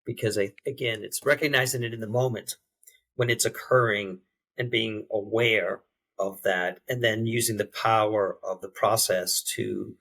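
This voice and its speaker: A man interviewing on a podcast who talks haltingly, with many restarts and fillers. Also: on the low side, steady tone, a bit bright, breathy edge. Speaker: interviewer and behavior change specialist.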